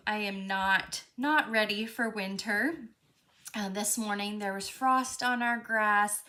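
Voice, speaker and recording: A woman hosts a live crafting stream, chatting in a casual, friendly way with plenty of fillers. Her voice is a little high and fairly bright, and she sounds a bit stuffy from a cold.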